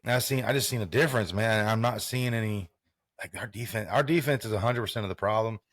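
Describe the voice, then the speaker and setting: A man's voice: fairly low pitch, fast, fairly bright tone, no room sound, studio quality. A man co-hosting a podcast in casual sports chat, rambling and repeating himself as he talks. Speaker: podcast co-host.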